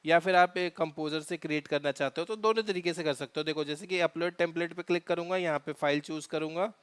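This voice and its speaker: A man walks through a cloud tutorial on a screen share, pausing often on fillers and restarting his sentences. His voice sits fairly high and comes across smooth and resonant. The recording is close and dry. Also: a bit bright, no room sound. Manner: halting, many fillers and restarts. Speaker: DevOps tutorial instructor.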